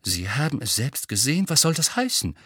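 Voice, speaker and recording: A man voicing a stern older female teacher who asks clipped, brisk questions. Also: mid-range voice, big pitch swings, fairly bright tone, breathy edge, no room sound, studio quality.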